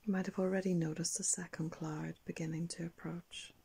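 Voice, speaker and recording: An older woman narrating a guided meditation like a sleep story, in a soft, breathy whisper, calm and unhurried with long pauses. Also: lowish voice. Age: older, around 60s. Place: small indoor room.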